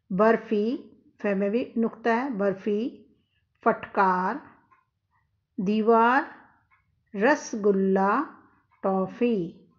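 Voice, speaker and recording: A woman teacher explaining a poem in a patient classroom manner, often checking that the children follow. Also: medium pitch. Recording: dull lo-fi recording.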